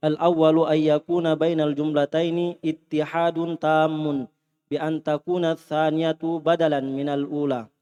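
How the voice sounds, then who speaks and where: A man reading a textbook passage aloud in a steady recitation. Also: a little high, clean tone, big-room sound. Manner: flat, quick recitation of a textbook.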